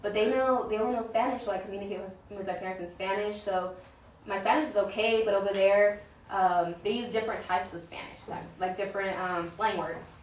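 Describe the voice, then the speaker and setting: A young adult woman, a pro soccer player, speaks casually as an interview guest, using many fillers and groping for words. Her voice is medium-pitched and steady, a little fast, picked up by a distant mic in a roomy space with faint ambience and slight background noise.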